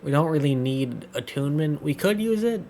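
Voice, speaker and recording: A man's voice: fairly high pitch, animated, a little fast, darkish tone, slight background noise. A man giving casual, joking commentary as he plays through a game. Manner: chatty, joking asides. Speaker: gameplay commentator.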